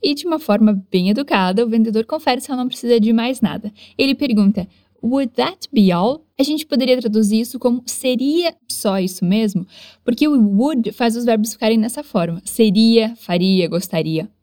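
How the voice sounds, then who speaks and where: A woman teaching English in a lesson, modeling phrases slowly with exaggerated pronunciation for learners to repeat. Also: a little high, dark tone, dry recording, clean studio sound. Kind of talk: language lesson with repeat-after-me drills.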